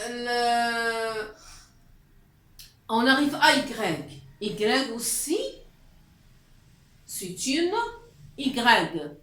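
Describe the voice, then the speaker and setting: Woman teacher for a beginner lesson; unhurried, repetitive delivery, slightly high, roomy echo. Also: a bit bright. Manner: patient, repetitive, hesitant with fillers. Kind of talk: classroom lesson explaining letters. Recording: echoey room.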